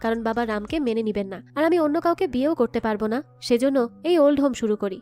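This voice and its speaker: Female narrator for a film recap, brisk delivery, lines read straight over background music. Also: sits high, a little mellow. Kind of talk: scripted movie recap narration.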